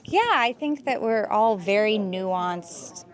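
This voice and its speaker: A woman answering in a red carpet interview, reflective and a little halting. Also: mid-range voice, expressive. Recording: crowd chatter behind the voice. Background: event crowd.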